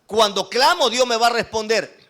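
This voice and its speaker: Ecuadorian guy preaching, fairly high voice, goes from shouting to quiet real fast. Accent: Ecuadorian Spanish. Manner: impassioned, calls out to the congregation, swings from shouting to low, quiet asides. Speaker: apostle preaching to his church. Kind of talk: evangelical sermon.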